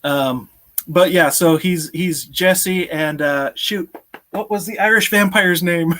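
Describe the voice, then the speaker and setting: Chuckling often as he talks to his viewers, a man in his thirties runs a casual live stream via video call from a small home room under a sloped ceiling. He speaks slowly, his high voice pushed and bright.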